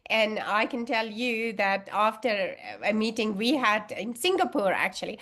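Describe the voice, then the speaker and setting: This guest allergy researcher, a middle-aged woman whose first language is Afrikaans, talks at an unhurried pace in a medium-pitched, somewhat bright voice. Her casual interview answers are full of fillers and restarts.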